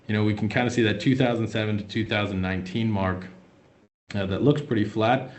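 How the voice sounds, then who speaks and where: A young American man, a wealth manager, presents a finance webinar in a fairly low voice, hesitating with many fillers and restarts. The room around him is echoey.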